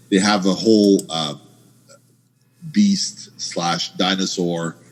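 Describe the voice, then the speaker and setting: A man's voice: fairly low pitch, husky, rough recording. A man hosting a podcast on a headset mic from home, rambling enthusiastically in casual chat. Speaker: podcast host. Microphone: headset microphone.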